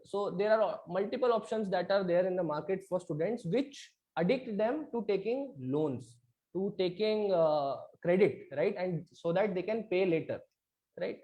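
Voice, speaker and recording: The recording is low quality: a man with an Indian accent, whose high-pitched, warm voice has lively intonation and normal speed, teaches an interactive online class by video. He switches between two languages and checks understanding with frequent tag questions.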